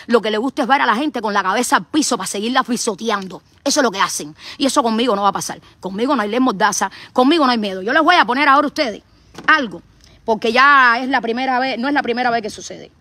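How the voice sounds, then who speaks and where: A woman's voice: on the high side, quick pace, pushed and bright. A middle-aged woman from Cuba with a Cuban accent, giving an impassioned live stream as an activist streamer. She speaks in a fiery, repetitive, preacher-like way.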